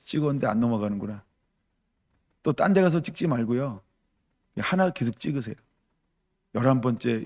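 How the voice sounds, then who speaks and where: Korean pastor preaching with urgent insistence. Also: male voice. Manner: exhorting, repeats phrases, asks the congregation questions; acts out God's voice louder and higher when pleading. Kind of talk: sermon.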